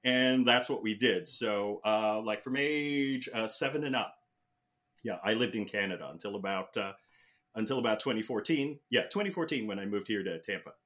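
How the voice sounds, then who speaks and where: In a casual interview, a Filipino man in his fifties tells his story as a guest, rambling and chatty with lots of fillers and restarts. His voice is fairly low-pitched and fairly bright, and he talks at a normal speed.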